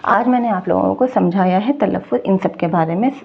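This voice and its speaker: A woman's voice: medium pitch, vocal fry, muffled recording. Patient woman teaching word pronunciation. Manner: patient, repeats words slowly with many fillers. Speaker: Urdu teacher. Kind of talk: online language lesson.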